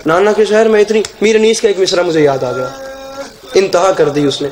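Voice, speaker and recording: A man with a Pakistani Urdu accent preaches as a zakir at a mourning gathering, delivering a fervent, declamatory majlis sermon into a pulpit microphone before a live audience in a hall. His high, slightly mellow voice keeps a fairly even intonation yet rises into emotional outcries. The sound echoes through the hall over a PA system.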